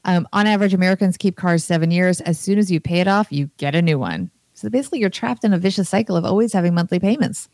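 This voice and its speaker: A woman co-hosts a personal finance chat with a frank, lightly sarcastic manner. Her voice sits a little low and sounds dry and close to the mic. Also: animated, quick pace, few pauses, a little mellow, dry recording. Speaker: podcast co-host. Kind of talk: casual chat.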